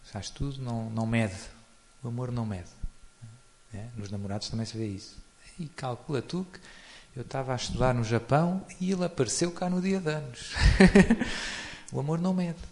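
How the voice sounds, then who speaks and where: A man's voice: medium pitch, normal speed, darkish tone. A man with a European Portuguese accent giving an informal spiritual talk, speaking conversationally and often adding tag questions. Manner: chuckles often while explaining. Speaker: religious speaker.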